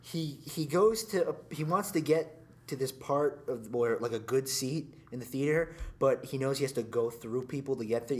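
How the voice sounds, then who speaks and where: A man co-hosting a podcast, telling a story in a rambling casual way with lots of fillers and restarts. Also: medium pitch. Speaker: podcast co-host. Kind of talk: casual chat.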